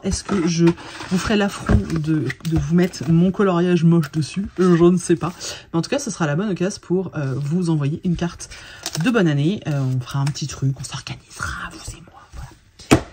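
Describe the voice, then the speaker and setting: A woman's voice: deep voice, dark tone, a little hiss or hum. A tired woman vlogging in a casual, chatty way, full of fillers and restarts. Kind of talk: casual chat.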